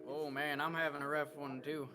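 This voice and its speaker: A man's voice: fairly high pitch, little pitch movement, fairly quick, over music, natural voice. A man doing a nosy folksy detective. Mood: prying. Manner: folksy, prying, calls people partner. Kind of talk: tabletop role-play voice.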